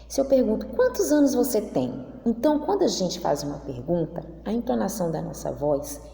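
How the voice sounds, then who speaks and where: A woman teacher with a Brazilian Portuguese accent, reading a lesson to young children slowly and in a sing-song voice. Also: fairly low pitch, vocal fry, mellow. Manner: slow, sing-song, exaggerated intonation for children. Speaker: primary school teacher. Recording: echoey room with long reverb.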